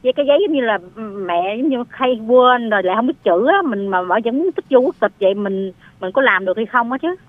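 A woman's voice: on the high side, lively intonation, fast talker, hardly any pauses, no echo. Female radio caller, hesitant and worried, filler-heavy speech, phone-line audio. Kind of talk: phoning in a question. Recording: tinny phone line, dry.

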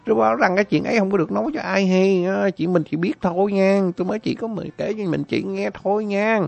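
A furious village woman berates a friend in a shrill, very high voice, put on by a man. She scolds relentlessly. A gravelly rasp shows through. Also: quick pace, dry recording. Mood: berating.

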